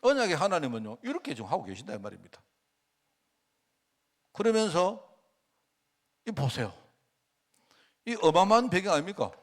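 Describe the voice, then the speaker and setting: Animated preaching man, lively pitch. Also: moderate pace, long pauses. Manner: animated preaching with sudden loud and soft swings; asks the congregation rhetorical questions. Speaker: pastor. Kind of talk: sermon.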